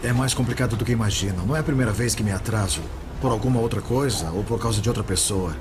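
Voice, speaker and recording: An actor playing an anxious, hesitant husband who is a patient, with a Brazilian accent, in a dubbed documentary. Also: male voice, fairly low pitch, quick pace, noisy background, close to an everyday voice. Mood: worried. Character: anxious married male accident patient. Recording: music behind the voice.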